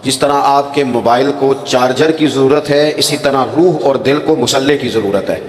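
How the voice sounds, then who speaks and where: A man, preaching a sermon and telling stories with acted dialogue. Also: medium pitch. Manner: storytelling with dramatic acted quotes. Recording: echoey hall with long reverb.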